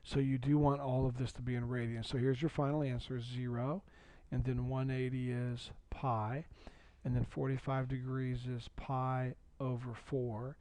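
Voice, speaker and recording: Guy teaching math on video, warm low-key voice, keeps saying okay?, dry sound. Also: flat delivery, a little slow, dry recording. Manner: patient, repeats key points, checks in with "okay?". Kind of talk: recorded video lesson.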